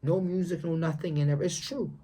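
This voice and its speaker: A man's voice: fairly high pitch, steady tone, fairly quick, mellow, slightly rough. A young man vlogging about his faith in a slangy, emphatic way, repeating himself and lecturing the viewer. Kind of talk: casual faith vlog monologue.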